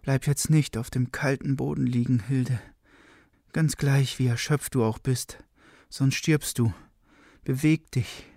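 A man's voice: medium pitch, steady tone, slow, creaky, a little mellow, no room sound. A proud, stern noblewoman healer in a spoken legend, read by a man. She gives orders and reproaches in a cold, commanding tone. The recording is dry and close, with no room sound. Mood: urgent.

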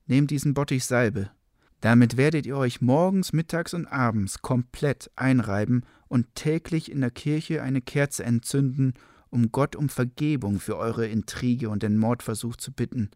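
A man's voice: medium pitch, measured pace, darkish tone, no room sound, lightly acted. A proud, stern noblewoman healer in a spoken legend, read by a man. She gives orders and reproaches in a cold, commanding tone. The recording is dry and close, with no room sound.

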